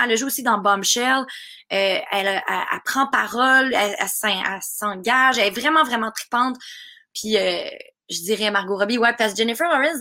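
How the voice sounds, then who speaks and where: A woman's voice: a little high, pushed and bright. A woman with a Québécois accent, a dubbing actress chatting casually as a guest and laughing often. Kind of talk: casual interview chat.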